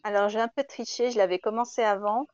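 A woman in a workshop group chatting casually in a relaxed way. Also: mid-range voice, fast talker, smooth, no room sound, highs cut off. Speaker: workshop participant. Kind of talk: casual chat.

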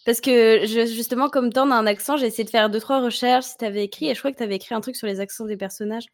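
Hesitant higher-pitched woman. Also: steady tone, quick pace. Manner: hesitant, restarts sentences. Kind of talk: casual chat.

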